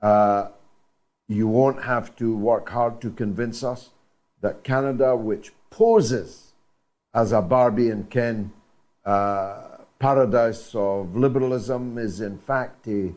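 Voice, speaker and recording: An older man from Britain hosting a call-in show, speaking deliberately and emphatically with many pauses. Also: on the low side, darkish tone. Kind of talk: radio phone-in talk.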